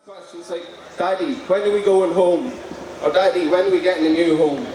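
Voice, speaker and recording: A man's voice: high-pitched, fairly quick. A man with an Irish accent reading out a prepared personal speech at a rally. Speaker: speaker at a rally. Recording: echoey, distant microphone, noisy background.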